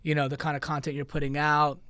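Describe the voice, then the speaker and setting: A young man from Queens, New York, talks fast in a slightly high voice with a completely flat delivery and a bright, forceful, smooth tone. He's a content creator appearing as a podcast guest, chatting loosely in a casual interview and dropping plenty of "like" and "you know." The recording is dry, with a studio sound.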